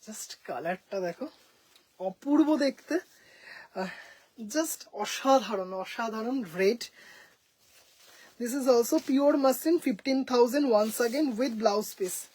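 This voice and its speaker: A woman's voice: fairly high pitch, lively intonation, extremely slow, pauses often, a little mellow, no room sound, rough recording. A woman with a Bengali accent presenting sarees for sale from her home boutique, enthusiastic and mixing English phrases into her talk. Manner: enthusiastic, mixes English phrases, addresses viewers as sisters. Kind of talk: live sales showcase.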